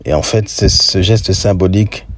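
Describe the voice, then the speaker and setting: A man with a very low, husky voice recounts a personal memory in a relaxed, conversational way. He talks thoughtfully and keeps pausing mid-sentence to find the right word. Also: dry recording. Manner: reflective, conversational, searching for words. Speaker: storyteller. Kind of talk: casual spoken storytelling.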